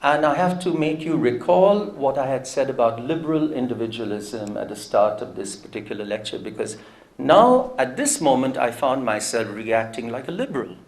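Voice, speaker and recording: A man's voice: medium pitch, expressive, fairly quick, hardly any pauses, darkish tone. A man giving a public lecture, telling a story in a reflective, anecdotal way and quoting others in his own voice.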